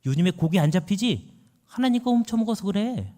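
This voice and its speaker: A worried village man whispering to his neighbours, hushed and conspiratorial, as a preacher acts him out. He sounds like an everyday man, and his voice is quieter and more secretive than the preacher's own. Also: sits high, very animated, fairly quick, pitched above the performer's own voice.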